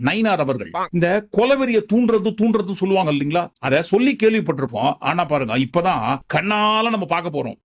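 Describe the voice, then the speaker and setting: A man's voice: high voice, very animated, quick pace. A man giving mocking commentary over clips, asking sarcastic rhetorical questions. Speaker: troll video narrator.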